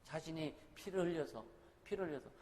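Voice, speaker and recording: Male pastor, higher-pitched, casual preaching voice that keeps questioning the congregation; recorded in a reverberant church hall. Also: a little fast, a little mellow. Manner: conversational preaching, often asks the congregation questions. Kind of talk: sermon. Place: church sanctuary. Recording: long reverb of a hall, faint noise.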